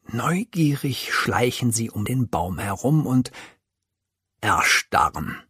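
A man narrating a children's audiobook, telling the story slowly and with life. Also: mid-range voice, breathy edge, dry recording, studio quality. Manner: slow, lively storytelling.

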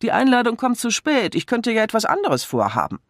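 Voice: medium pitch, big pitch swings, moderate pace, creaky, breathy edge, no room sound, clean studio sound, pitched above the performer's own voice, exaggerated voice. A reader voicing a doll-like young wife who coaxes her husband in a wheedling, whiny tone, in an audiobook. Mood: coaxing. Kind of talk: audiobook character voice.

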